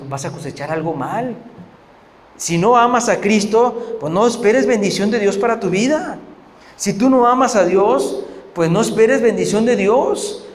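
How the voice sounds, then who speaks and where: A man preaching a sermon, pressing his points with emphasis and acting out mocking pleas to God. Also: high voice. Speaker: pastor. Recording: reverberant hall with faint noise.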